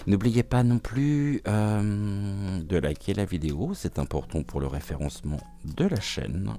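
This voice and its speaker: A man hosting a gentle morning oracle card reading, talking softly and soothingly with many hesitant pauses. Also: sits low, animated, slight background noise. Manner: hesitant, frequent filler pauses; soft, soothing, welcoming. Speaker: oracle card reader, channel host.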